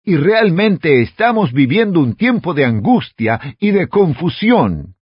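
A man's voice: fairly high pitch, big pitch swings, measured pace, breathy edge, dry recording, muffled recording. A man preaching a radio sermon as a pastor, speaking earnestly and addressing the listener directly as a friend.

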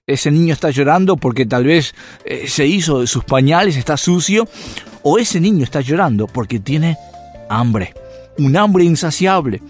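A man delivers a radio devotional sermon. His fairly high voice climbs on rhetorical questions and sinks on quieter points. Faint music runs underneath. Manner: rhetorical questions, animated rises and drops. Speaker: radio preacher.

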